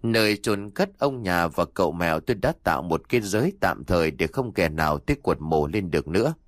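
A stern old exorcist master, as a male narrator puts him on, speaking in a deep, lively voice. He gives solemn commands and warnings. The sound is dry and close. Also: fairly quick, dry recording.

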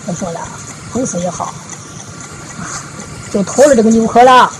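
A woman giving a Buddhist dharma talk, retelling a parable in a folksy storytelling way, with frequent drawn-out filler particles. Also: fairly high pitch, noisy background. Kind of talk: storytelling sermon.

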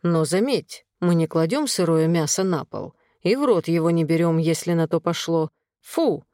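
A woman reading aloud, voicing a puzzled, irritated husband with a flat, skeptical delivery. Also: lowish voice, normal speed, no echo, studio quality, close to an everyday voice. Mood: mild. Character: puzzled, irritated young father.

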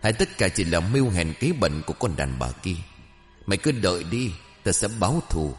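The vengeful ghost of an old man, as a male storyteller voices him threatens revenge from inside a coffin. His voice is low and menacing, with faint music under this horror tale. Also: big pitch swings, normal speed, long reverb tail.

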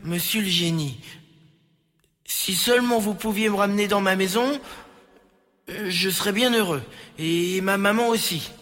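A man's voice: high-pitched, a little slow, long pauses, a bit bright, long reverb tail. An actor playing a naive poor boy who talks hesitantly and stammers. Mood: grateful. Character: naive timid poor boy, devoted to his mother.

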